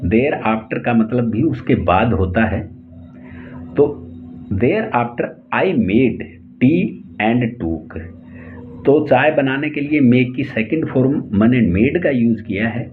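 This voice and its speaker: A man with an Indian accent teaching English tenses in Hindi, slowly spelling out each example sentence word by word. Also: mid-range voice, expressive. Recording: tinny phone-like lo-fi audio, faint hiss.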